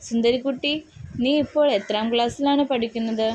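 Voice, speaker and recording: Woman reading as a sly sweet-talking man, slow coaxing voice, kinda high. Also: fairly even intonation, a little mellow, lo-fi sound, slight background noise, lightly acted.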